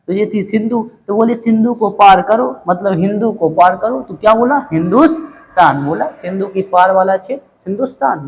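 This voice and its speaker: A male teacher giving a classroom lecture, asking questions and answering them himself, repeating key words with folksy, joking asides. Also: sits high. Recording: long hall reverb.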